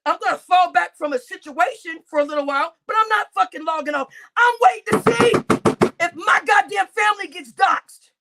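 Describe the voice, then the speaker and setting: Crying and furious, a woman livestreamer rants at her chat in a very high, shrill voice that cracks into gravelly fry. She shouts and swears heavily without pause, circling back to the same complaints in repeated outbursts. It sounds raw and unscripted, with heavy background noise.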